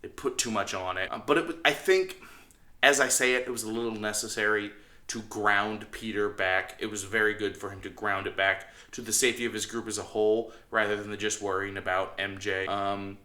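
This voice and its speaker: A man's voice: fairly low pitch, fairly even intonation, a little fast, sharp tone. A man hosting a casual movie review, rambling and often doubling back on his phrases. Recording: echoey room.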